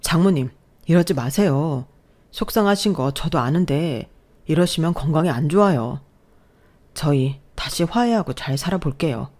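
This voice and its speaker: In a storybook drama, a two-faced husband begs and wheedles in a soft, fawning voice, voiced by a woman narrator. He sounds insincere. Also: low voice, animated, moderate pace. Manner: pleading, fawning.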